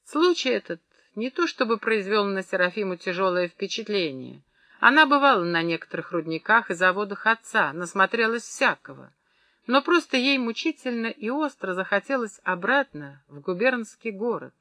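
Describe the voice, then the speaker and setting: A woman reading a novel aloud in an even, measured narration. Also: mid-range voice, no echo, studio quality. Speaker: audiobook narrator. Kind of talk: scripted narration.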